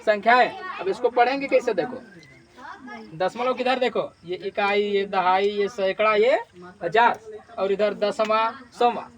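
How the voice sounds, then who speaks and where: A man's voice: sits high, a little slow, fairly bright tone. A male teacher giving a classroom maths lesson, repeatedly quizzing his class and answering his own questions.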